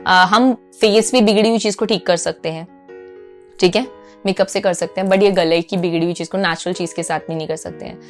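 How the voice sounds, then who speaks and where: She speaks briskly in a steady, lowish voice while soft music plays behind her. Offering informal voice coaching as an anchor, the Indian-accented woman blends English phrases into Hindi, repeats the important lines with emphasis and keeps checking in with viewers.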